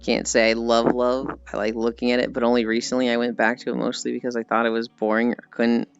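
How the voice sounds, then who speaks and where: A livestreamer from the United States chats with his viewers fast and in a monotone, his medium-pitched voice clean and smooth with an American accent. He rambles, pokes fun at himself, and swears now and then. The slightly muffled audio has faint background music.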